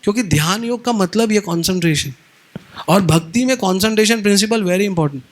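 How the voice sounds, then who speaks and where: Animated high-voiced male preacher. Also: a little fast. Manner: animated, acts out dialogue, mixes in English words. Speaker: preacher at a devotional retreat. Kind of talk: Hindi devotional lecture.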